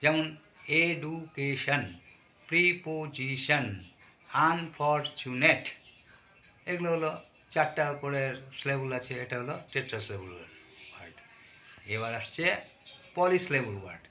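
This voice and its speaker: A man teaching a grammar lesson to students. He spells words out letter by letter, stretches out his examples slowly and asks the class questions. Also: medium pitch, very animated, a bit bright. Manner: addresses students directly with questions.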